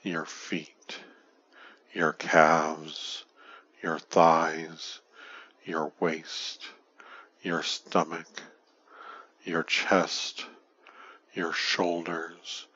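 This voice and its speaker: Deep, husky, slow-talking male hypnotist. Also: fairly bright tone, lo-fi sound. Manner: slow, soothing, repetitive, sometimes breathy and whispery. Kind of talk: guided hypnosis induction.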